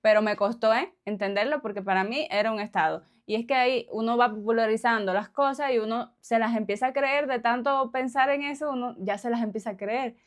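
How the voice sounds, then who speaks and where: Cuban lady vlogging, chatty and giggly, kinda high voice, lots of little "eh?"s. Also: a little fast, few pauses. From Cuba. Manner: chatty, laughs often, tag questions. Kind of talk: casual chat to camera.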